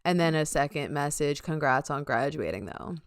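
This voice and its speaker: Young woman podcast cohost, low voice, giggly, rambly, lots of likes and ums. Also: lively intonation, normal speed, no room sound, studio quality. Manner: giggly, rambling with many fillers. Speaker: podcast co-host. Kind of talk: casual chat.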